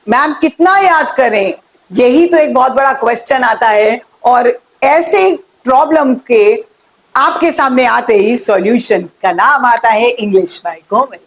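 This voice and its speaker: A young woman teaching an English grammar lesson, explaining slowly, spelling words out letter by letter and asking her viewers questions. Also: on the high side.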